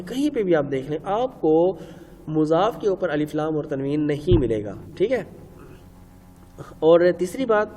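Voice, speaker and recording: A man's voice: on the high side, a little mellow. A man giving a step-by-step grammar lecture in Urdu with a Pakistani accent, repeating rules and answering his own questions. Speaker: Arabic grammar teacher. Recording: long reverb, faint ambient noise.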